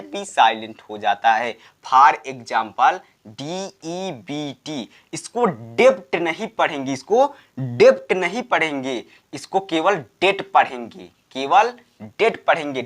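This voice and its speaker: A man teaching English spelling rules, spelling words out letter by letter, repeating each point and asking quick check questions. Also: on the high side, fairly bright tone. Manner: slow, repetitive, drills spellings letter by letter; asks the class rhetorical check questions. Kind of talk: classroom-style lesson.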